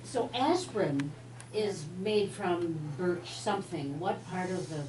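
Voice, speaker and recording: A woman's voice: fairly low pitch, takes it slowly, background noise. A woman in the audience asking the lecturer curious questions. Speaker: audience member. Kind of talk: casual questioning. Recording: echoey room, far mic, crowd behind.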